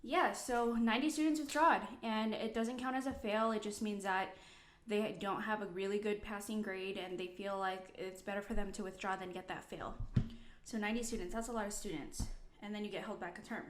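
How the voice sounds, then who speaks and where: A woman's voice: mid-range voice, steady tone, brisk. A woman in her twenties chatting informally to camera as a student vlogger, rambling and peppering her talk with "like". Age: 20s. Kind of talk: casual chatty vlog to camera. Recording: echoey room.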